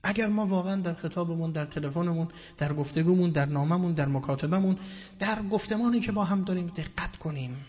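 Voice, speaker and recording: A man giving a formal, explanatory religious lecture and quoting Arabic verses. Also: high voice. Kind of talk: religious lecture on Quranic wording. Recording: dull lo-fi recording with long hall reverb.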